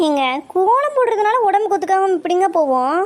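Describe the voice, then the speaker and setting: Cartoon wife: a woman plays a stubborn, teasing young bride, very high-pitched, rapid-fire, always scolding. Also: very animated, no room sound. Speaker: wife in a cartoon family story. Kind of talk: cartoon voice acting.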